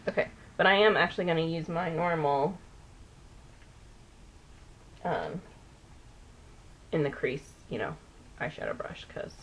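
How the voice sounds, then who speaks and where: A woman's voice: sits low, animated, measured pace, long pauses, fairly bright tone, a little hiss or hum. A woman vlogger chatting casually while doing her makeup, rambling and often losing a word mid-sentence. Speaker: beauty vlogger. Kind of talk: chatty get-ready-with-me.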